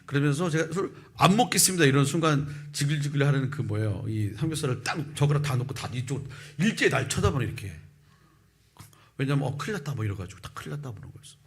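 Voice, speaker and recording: A male pastor in his fifties preaching a sermon and telling a personal testimony, with lively storytelling that acts out the people in it. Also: medium pitch, quick pace, a little hiss or hum. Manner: animated storytelling, acting out quoted voices. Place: church sanctuary.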